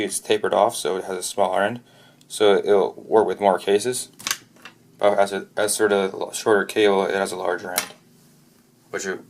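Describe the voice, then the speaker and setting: A man narrating an unscripted product review off the cuff, often stopping to restart and correct himself mid-sentence. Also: lowish voice. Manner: halting, frequent restarts and self-corrections.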